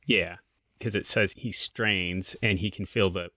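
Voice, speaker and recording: Deep bright-toned man in book chat. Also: fairly even intonation, unhurried, no room sound, clean studio sound. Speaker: podcast co-host. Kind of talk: casual book discussion.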